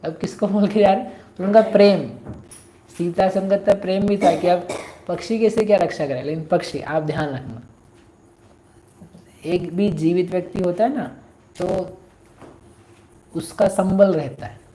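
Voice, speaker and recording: A woman teaching scripture, explaining a story and chanting verses in a drawn-out sing-song, often asking her listeners questions. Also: fairly low pitch, warm tone, slight background noise. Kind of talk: religious discourse with chanted verses. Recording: roomy echo.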